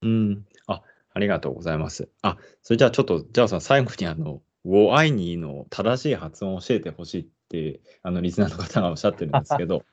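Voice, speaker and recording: Deep-voiced man hosting a language podcast. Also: lively intonation, muffled recording. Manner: unhurried reading; hesitant chat with many fillers. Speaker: podcast host. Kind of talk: reading sentences aloud, then casual chat.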